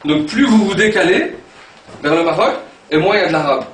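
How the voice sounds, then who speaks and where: A man's voice: high-pitched, a little fast. Man teaching in an echoey classroom. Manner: animated, repeats sounds to demonstrate pronunciation. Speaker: Arabic teacher. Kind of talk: classroom lesson. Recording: echoey room from far off, background noise.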